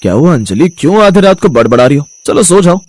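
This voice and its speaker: A man's voice: fairly high pitch, big pitch swings, fast talker. A man playing a husband and in-law who brushes off complaints in a matter-of-fact way, in a comic short. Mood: dismissive. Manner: offhand, dismissive. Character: grown son and in-law family man.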